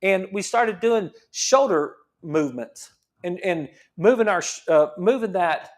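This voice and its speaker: A man's voice: high voice, expressive, a little slow. A man in his fifties, a chiropractor, giving a casual health talk that explains things, repeats points and asks rhetorical questions. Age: 50s. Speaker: chiropractor host.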